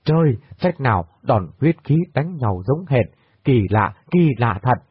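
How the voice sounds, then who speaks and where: A man's voice: mid-range voice, sing-song, unhurried, breathy edge, no room sound. A man voicing an astonished older woman. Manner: exclaiming in astonishment. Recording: dry, tinny phone-like sound.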